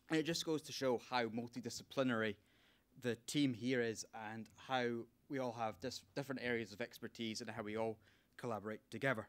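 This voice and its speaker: A man's voice: mid-range voice, a bit bright. Young man, PhD student, earnest prepared speech, a little emotional. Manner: earnest, slightly emotional delivery. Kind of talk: prepared speech at a launch event.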